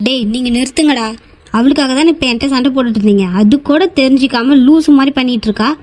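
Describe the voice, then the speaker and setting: A man's voice: very high-pitched, quick pace, darkish tone. A man voicing a stubborn young husband in a cartoon, curt and dismissive. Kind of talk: Tamil cartoon voice acting.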